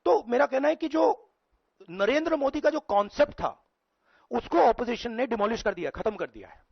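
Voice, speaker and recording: Gravelly defiant man on a dull feed. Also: very high voice, lively intonation, normal speed, no room sound. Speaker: debate guest. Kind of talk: heated TV debate.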